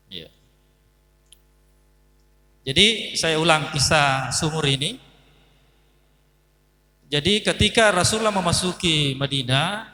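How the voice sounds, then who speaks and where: Bright-voiced man preaching in a reverberant hall. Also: on the high side. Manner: storytelling, acting out dialogue, addressing audience as Pak. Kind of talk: sermon.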